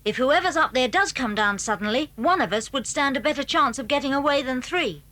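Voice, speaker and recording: A British woman voices an eager, cautious schoolboy who leads his friends in a children's audio drama. Her voice sits high and sounds animated, brisk, bright, and forceful. The mood is eager and conspiratorial.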